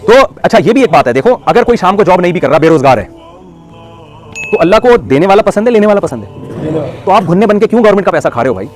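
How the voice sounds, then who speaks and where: Preacher guy, middle-aged, quick talker, cracks jokes n quizzes the crowd. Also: high-pitched, soft background music. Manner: animated, joking, asks the audience questions. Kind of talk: sermon.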